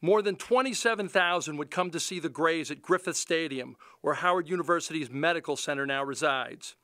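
A middle-aged man reporting a news sports feature and chatting in a TV studio, energetic and emphatic. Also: fairly high pitch, fairly quick, dry recording.

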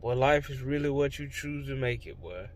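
A man's voice: medium pitch, expressive, normal speed. Emotional young man vlogging. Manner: emotional, heartfelt, slangy and rambling. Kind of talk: casual vlog talk to camera.

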